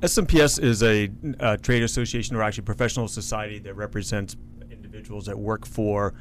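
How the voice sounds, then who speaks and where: A man's voice: on the low side, steady tone, fast, a little hiss or hum. A man being interviewed as a guest on a radio show, talking at length in an earnest, self-correcting way. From Florida, United States. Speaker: guest, association CEO.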